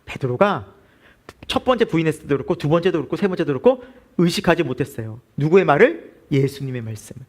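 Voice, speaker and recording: A man's voice: on the high side, big pitch swings, fast. A male pastor preaching a midweek sermon, asking the congregation questions and answering them himself. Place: church.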